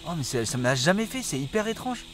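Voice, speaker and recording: Young vlogger, eager and explanatory, slightly high voice, music under him. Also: male voice, sing-song, fast talker. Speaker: paranormal investigation vlogger. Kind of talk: casual on-location narration. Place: tent in a forest at night.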